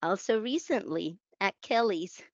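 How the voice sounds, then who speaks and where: Expressive and a little slow, a mid-range female voice belongs to a guest translator from the Canary Islands. In a conversational interview she tells stories about her work, reflective and self-deprecating, in Spanish-accented English learned as a second language. No echo, but dull audio.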